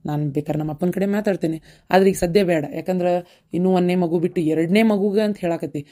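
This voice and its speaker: A fast-talking, reassuring villager from a cartoon, as a woman voices the part. The voice sits fairly low and stays matter-of-fact. A North Karnataka Kannada accent runs through every line. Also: fairly even intonation, dark tone, lightly acted. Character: calm family member reassuring the elders. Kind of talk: cartoon dubbing.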